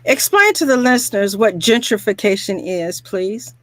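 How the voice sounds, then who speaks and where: A woman's voice: medium pitch, expressive, normal speed, fairly bright tone, no echo. A woman hosting a radio talk show, speaking in a fervent, preaching way and leading the conversation with questions. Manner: fervent, preaching tone with spiritual framing.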